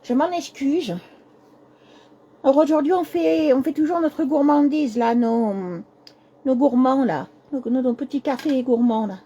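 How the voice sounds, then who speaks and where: With a hoarse, breaking voice, a woman hosts a laid-back live craft stream, talking quietly, apologizing a lot, and repeating herself. Her voice is high-pitched and her pace measured, while the recording loses its high frequencies.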